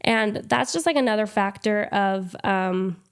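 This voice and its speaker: A woman's voice: mid-range voice, a little slow, clean tone. A woman in her twenties with a cold, sounding nasal and sniffly, telling a personal story as a podcast guest. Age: 20s.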